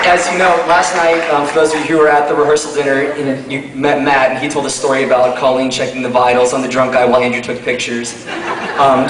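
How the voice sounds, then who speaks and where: Wedding toast speaker: young male, informal comic storyteller, distant mic, very roomy sound. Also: medium pitch. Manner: conversational, teasing, informal. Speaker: wedding speaker, friend of the groom. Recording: echoey room, far from mic, noisy.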